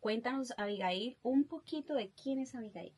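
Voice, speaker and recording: A woman hosting a podcast interview, warm and affirming, with frequent fillers. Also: fairly high pitch, moderate pace, slightly rough. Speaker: podcast host.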